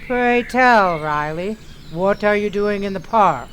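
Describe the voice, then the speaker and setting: A woman as Digby O'Dell, slow, genteel undertaker. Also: medium pitch, animated, fairly bright tone, a little hiss or hum, rough recording. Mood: courtly, ghoulishly cheerful. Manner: formal, drawn-out, florid. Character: genteel, morbidly cheerful male undertaker friend. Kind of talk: old-time radio comedy acting.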